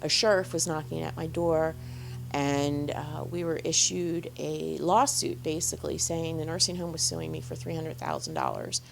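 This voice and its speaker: Woman with a really low gravelly voice, telling her story kinda haltingly. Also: animated, a little hiss or hum. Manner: hesitant, recounting with fillers. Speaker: interviewee.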